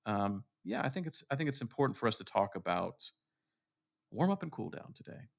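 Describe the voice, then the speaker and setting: A man's voice: on the low side, sing-song, brisk, creaky. A man hosting a podcast, talking in a thoughtful, easygoing way with many fillers. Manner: thoughtful, full of fillers and restarts. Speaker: podcast host. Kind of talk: casual chat.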